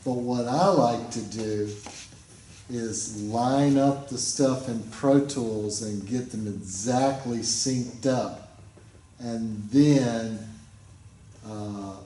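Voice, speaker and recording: A man teaching a music technology class, explaining things in a relaxed, rambling way with fillers, recorded from a distance in a classroom. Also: medium pitch, extremely slow, reverberant, slight background noise. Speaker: instructor. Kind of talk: classroom lecture.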